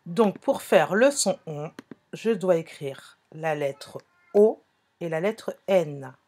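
A woman's voice: fairly low pitch, expressive, slow pace, mellow. A woman teaching a phonics lesson to young children, speaking patiently, repeating herself and correcting small slips.

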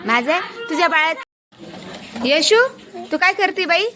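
High-voiced young mother coaxing her kids. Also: animated, normal speed, background noise. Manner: coaxing, asks playful repeated questions. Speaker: mother filming her children. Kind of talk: casual family vlog, talking to small children.

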